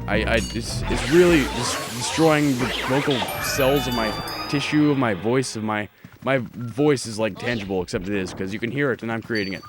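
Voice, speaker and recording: A young man with a hoarse, cracking voice from illness, rambling and joking as he commentates his video game playthrough. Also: mid-range voice, moderate pace, over music. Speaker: Let's Play host.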